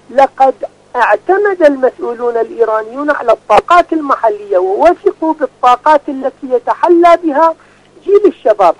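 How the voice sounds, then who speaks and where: A man's voice: extremely high pitch, dry recording. A man speaking as a phone-in caller over a phone line, delivering a formal, prepared-sounding statement. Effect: heard over a phone line.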